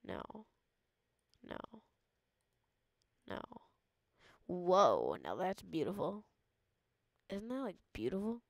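A woman's voice: lowish voice, wildly swooping pitch, slow pace, gravelly, long pauses, dry recording. A woman giving playful, jokey let's-play commentary, mock-dramatic and often dropping into a whisper. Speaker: gamer.

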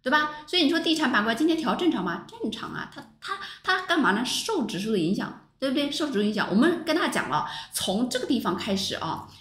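A woman teaches a stock market class over chart screens. Her pitch swings widely and she keeps throwing rhetorical questions at her viewers. The sound has a roomy echo around it. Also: big pitch swings, quick pace, hardly any pauses, a bit bright. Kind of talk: livestream stock chart lesson.

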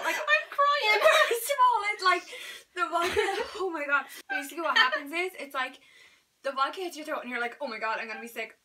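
A woman's voice: high voice, bright, forceful tone. A young woman vlogging casually with friends, giggly and dramatic, squealing often. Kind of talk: casual chat. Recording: slightly distant camera mic with faint hiss.

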